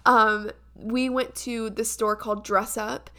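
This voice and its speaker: A woman's voice: a little high, flat delivery, takes it slowly, sharp tone. A young woman from the southern US co-hosting a podcast, telling stories in casual chat with lots of tangents. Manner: chatty, storytelling with tangents. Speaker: podcast co-host.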